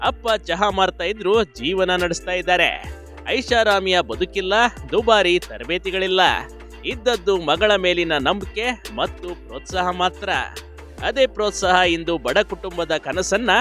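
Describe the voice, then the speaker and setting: A man narrates a news feature in a high, bright voice that carries an emphatic, dramatic push. His scripted delivery mixes in folksy asides to the viewer, with faint music underneath. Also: moderate pace.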